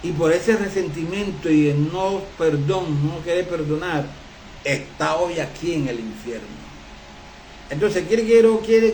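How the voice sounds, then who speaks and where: A high-pitched man delivers an impassioned sermon, circling back on his phrases with a preacher's cadence. His voice rings around an echoey room. A faint ambient hum sits underneath. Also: darkish tone.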